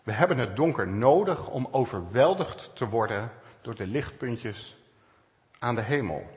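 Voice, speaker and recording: A man preaching a calm, searching sermon, with pauses and stresses. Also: medium pitch, in a large hall, muffled recording. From Netherlands. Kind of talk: reflective sermon.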